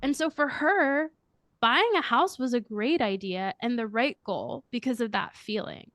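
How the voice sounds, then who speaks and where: Unhurried and a bit bright, this high, girlish-voiced woman answers interview questions as a coach who heads a firm. Her tone is earnest and reflective, and the recording has no room sound.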